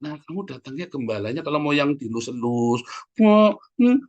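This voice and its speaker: A male pastor delivering a sermon in a booming, teasing, scolding manner. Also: fast, highs cut off.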